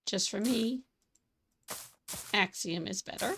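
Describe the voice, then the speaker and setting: Chatty woman with a gravelly voice. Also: mid-range voice, slow, a bit bright, slight background noise. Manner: chatty, self-deprecating, thinks aloud while building. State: losing her voice. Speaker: streamer. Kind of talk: casual gaming livestream commentary.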